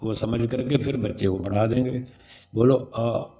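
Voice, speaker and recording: A man's voice: mid-range voice, fairly even intonation, normal speed, warm tone. A man speaking as a swami and spiritual teacher, giving a religious discourse on raising children, explaining patiently and sounding out syllables to demonstrate them.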